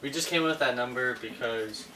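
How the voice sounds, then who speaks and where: A man's voice: mid-range voice, moderate pace, pushed and bright, echoey room. A man chatting casually as he helps review a product. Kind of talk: casual chat. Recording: very noisy, distant mic.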